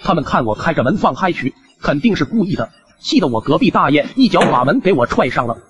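A man's voice: on the high side, sing-song, fast talker, husky, highs cut off. A young man narrating his own comic cartoon story in a chatty, wry way.

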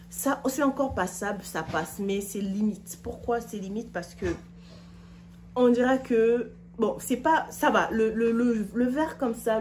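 Sitting on her living room couch, a fashion vlogger in her thirties speaks straight to her viewers in a chatty, opinionated outfit review. Her medium-pitched voice has a darkish tone, with slight background noise.

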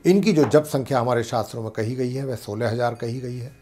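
A man, an astrologer and pandit, calmly explaining planetary mantras and slowly chanting them. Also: medium pitch. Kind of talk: devotional teaching talk.

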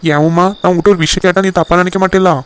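A caring young husband from a cartoon family drama, voiced by a man. His voice is smooth and fairly high, and he talks quickly with a gentle, reassuring manner. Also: flat delivery, natural voice. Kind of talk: cartoon voice acting.

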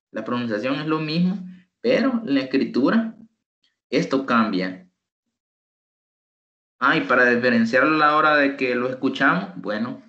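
A man tutoring an online English lesson in Spanish, who patiently repeats each example phrase slowly. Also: medium pitch, a bit bright. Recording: echoey room, dull lo-fi sound.

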